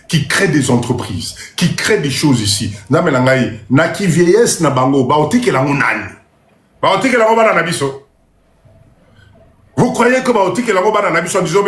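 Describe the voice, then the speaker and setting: Here a man with a Congolese accent and a high-leaning voice talks in a reverberant setting. His live-stream monologue is emphatic and insistent, leaning on rhetorical questions and blending French with Lingala.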